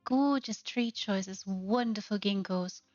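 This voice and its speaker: A woman guides listeners through a game house, heaping lavish praise on everything in a slow, deliberate way. Now and then she slips into playful baby-talk. Her voice is dry and a little dull, with faint music behind it. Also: mid-range voice, a little mellow, no echo. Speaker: host of a game house tour. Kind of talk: casual tour commentary.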